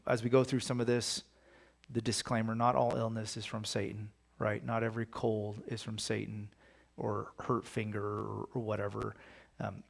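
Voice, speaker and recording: Gravelly man teaching a Bible study. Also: lowish voice. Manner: conversational, reads scripture aloud with emphasis. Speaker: pastor.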